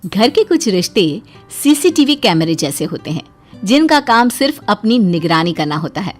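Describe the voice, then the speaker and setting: A woman narrating a cartoon story in a steady, plain storytelling manner. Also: medium pitch, normal speed, faint music behind.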